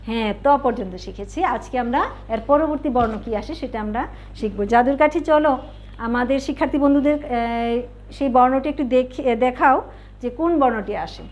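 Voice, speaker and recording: A woman with a Bangladeshi Bengali accent gives young children an alphabet lesson, helping them write and say letters. She coaxes them along with questions and slow, stretched-out fillers, and her voice is high-pitched with a somewhat dark tone.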